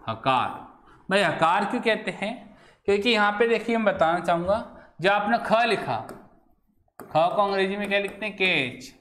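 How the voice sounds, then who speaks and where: Male classroom teacher, somewhat high-pitched, lectures in a question-and-answer manner and draws out key words; recorded in an echoey room. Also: fairly bright tone. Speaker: Hindi grammar teacher.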